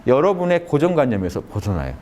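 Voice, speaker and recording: A man giving a lecture to young adults in a conference room, talking listeners through a calming exercise with short repeated phrases and emphatic stresses. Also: fast talker. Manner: lively, emphatic delivery with sudden rises in pitch. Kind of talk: motivational humanities lecture.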